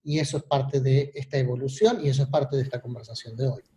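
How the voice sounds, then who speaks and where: A man's voice: medium pitch, fairly even intonation, fast talker, dark tone. A man presenting an informal online lecture in an explanatory way, checking in with short tag questions and dropping in English terms. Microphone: video call.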